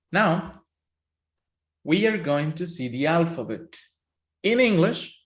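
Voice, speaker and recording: Slow, patient Colombian man teaching. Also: a little high, echoey room. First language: Spanish. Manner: patient, checks in often with "okay?". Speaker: Spanish teacher. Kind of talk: online language lesson.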